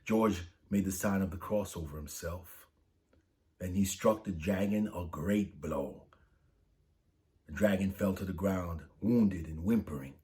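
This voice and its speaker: In an unhurried, low-sitting voice, a man reads a saint's story to children. He's a spirited storybook narrator who raises his tone for the dialogue.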